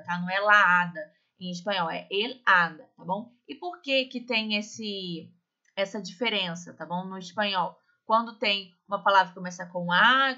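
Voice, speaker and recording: A woman teaching a Spanish class in a bright voice, explaining grammar patiently and checking after almost every phrase that students follow. She reads her example sentences slowly and carefully. The recording is slightly dull and lo-fi. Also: medium pitch. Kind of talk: recorded online class lesson.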